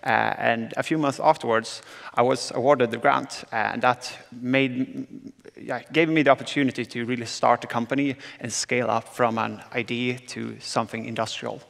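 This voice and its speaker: On stage at a panel, a young man from southern Sweden speaks with a Swedish accent, hesitating often and filling gaps with filler sounds. His medium-pitched voice is creaky and a bit bright, with fairly even intonation at a moderate pace. The conference hall around him is reverberant.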